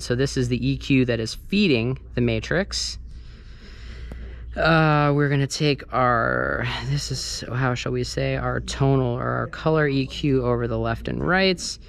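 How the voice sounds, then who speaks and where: This man's mid-range voice has a fairly bright tone and moves a little slowly as he chats his way through an informal sound-engineering tutorial while he works. Room noise from the large carpeted banquet hall, with its wooden dance floor, is clearly audible behind him.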